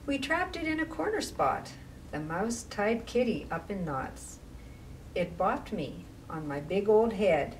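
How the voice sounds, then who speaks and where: Slowly and expressively, a woman with a mid-range voice reads a rhyming book to small children during library storytime, tossing in casual side comments. A distant microphone captures her along with faint background noise.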